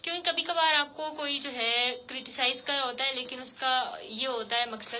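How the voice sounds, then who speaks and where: A woman hosting a radio show, interviewing a child guest with gentle, coaxing questions full of fillers. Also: high-pitched, fairly even intonation, slight background noise. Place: radio studio.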